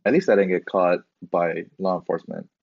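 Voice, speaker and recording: A man from Southern California, a podcast guest, telling laughing anecdotes in a relaxed, casual way. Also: low voice, fairly quick, creaky, husky, dry recording, muffled recording. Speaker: guest, professional drift driver.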